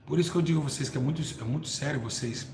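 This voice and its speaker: A man preaching a live-streamed hellfire sermon, fervent, repeating words and asking listeners for agreement, swinging from loud stresses to low murmurs. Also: racing. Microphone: live-stream mic. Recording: roomy echo with faint background noise.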